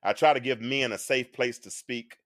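A man's voice: medium pitch, steady tone, normal speed, a bit bright, no room sound, clean studio sound. Earnest preacher-like man in his forties. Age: 40s. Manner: earnest, sermon-like, with sung phrases. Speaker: show host being interviewed. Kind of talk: live-stream talk, preacher-like.

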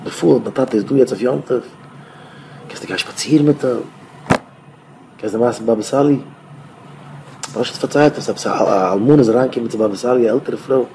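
A man, a rabbi, giving an informal Torah talk in a rambling, conversational way with sudden louder bursts. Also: mid-range voice, a little fast, pauses often, background noise.

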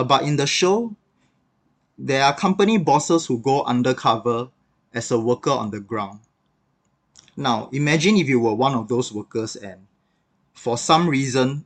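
Male devotional speaker, mid-range voice, reflective teaching tone, casual with light fillers. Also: mid-range voice. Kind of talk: scripted devotional talk.

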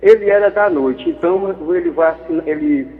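A man's voice: sits high, brisk. A man calling a radio show over a landline phone. He chats in a chummy, jokey way and rambles, repeating words as he goes. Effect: over a landline phone line. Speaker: radio caller. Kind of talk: casual call-in chat. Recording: tinny phone line with long echo.

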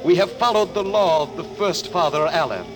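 An actor playing the reverent, doomed last survivor of an ancient race in declamatory 1950s radio style. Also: male voice, on the high side, expressive, lightly acted, poor audio. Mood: solemn farewell. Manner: declamatory, ceremonial, slow phrases. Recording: old radio disc with music.

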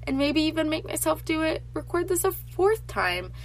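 A teenage girl hosts a casual solo podcast, her voice high and very animated at normal speed. Allergies make her sound nasal and congested, and she chats on with lots of filler words over slight background noise.

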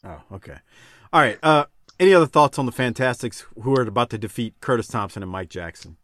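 A man hosting a casual recap chat, talking in an animated, jokey way. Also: mid-range voice, quick pace, no echo, studio quality. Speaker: podcast host.

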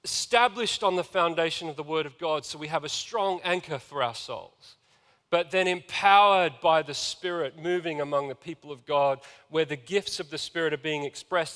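A man's voice: a little high, a bit bright. A man preaching a sermon as pastor, earnestly reading scripture and calling out to the congregation. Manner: earnest preaching, reads scripture aloud, asks congregation for amens. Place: church sanctuary. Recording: long reverb of a large hall.

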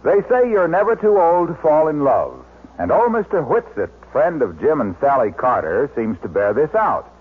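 A man's voice: on the high side, big pitch swings, normal speed, breathy edge. An American man announcing in a chipper 1950s radio ad style, with a polished, emphatic sales delivery. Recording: vintage radio broadcast, narrow phone-like band.

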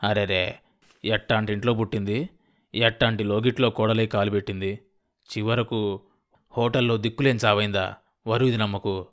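A man voicing a nosy, suspicious old village man in his sixties or older, speaking in a drawling, rural way, lower and slower than his narration. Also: flat delivery, fairly bright tone, natural voice. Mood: grieving. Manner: drawling rural speech, grieving and prying.

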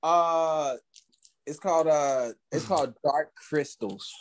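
An American man with a slightly high, slow voice chats casually, speaking as an interviewed music artist. He uses street slang and keeps repeating his phrases.

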